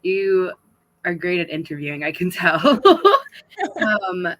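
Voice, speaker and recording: Woman interviewer; bright, slightly low tone, casual and thoughtful. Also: sing-song, takes it slowly, low-quality recording. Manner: casual, thoughtful, hedges with fillers. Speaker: interviewer, host. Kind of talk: livestream book conversation.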